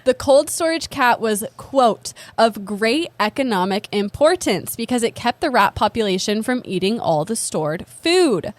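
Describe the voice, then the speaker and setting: A woman's voice: on the high side, lively intonation, a little slow, few pauses, no room sound. A young woman co-hosting a podcast, telling an odd history story in a casual, self-deprecating way, full of "like". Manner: chatty, self-deprecating, lots of "like". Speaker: podcast co-host. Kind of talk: casual comedic history chat.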